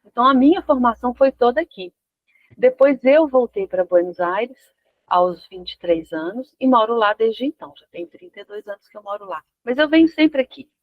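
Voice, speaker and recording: A woman in her fifties from Argentina, a guest dancer talking casually in an interview, relaxed and pausing to find her words. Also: fairly high pitch, no echo, narrow, tinny audio. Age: 50s. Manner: relaxed, searching for words with restarts.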